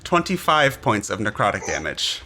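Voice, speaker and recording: A man narrating a tabletop game as game master, with halting, deliberate phrasing. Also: lowish voice, big pitch swings, bright, forceful tone. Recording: faint background noise.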